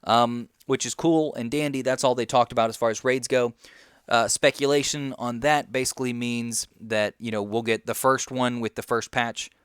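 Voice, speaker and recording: A man talks through a game announcement in a loose, rambling way, stopping for plenty of ums and uhs. His voice sounds smooth and resonant. The recording is dry and close, with no room sound. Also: medium pitch, fairly even intonation, normal speed, no echo. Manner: rambling, lots of ums and uhs, chewing gum. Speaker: gaming commentator. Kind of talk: casual video game commentary.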